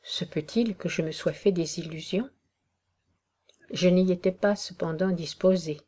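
A sad, proud noblewoman past her youth speaks in a gloomy, resigned tone, as a woman reads her in an audiobook. The voice is soft and mellow, with a warm, dark color. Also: fairly low pitch, steady tone, unhurried, slightly rough. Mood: weary. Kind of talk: audiobook reading of a classic novel.

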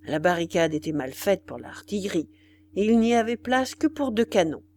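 A woman's voice: mid-range voice, very animated, moderate pace, a little mellow. Woman reading a novel dramatically. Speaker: narrator. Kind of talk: audiobook narration.

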